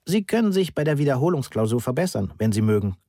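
A man's voice: medium pitch, sing-song, fast, dark tone, no room sound, clean studio sound, voice pushed up. A man reading an audiobook, voicing a clipped, formal male university lecturer. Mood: stern.

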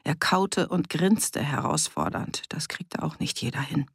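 A woman reading an audiobook in a calm, measured storytelling manner. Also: deep voice, husky, dry recording, clean studio sound. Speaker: audiobook narrator. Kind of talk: scripted narration.

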